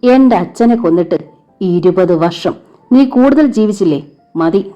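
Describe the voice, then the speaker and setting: A woman voicing a vengeful young man who shouts accusations at his father's killer. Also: fairly low pitch, moderate pace, highs cut off, faint music behind, natural voice. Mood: furious. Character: vengeful young man, furious avenging son.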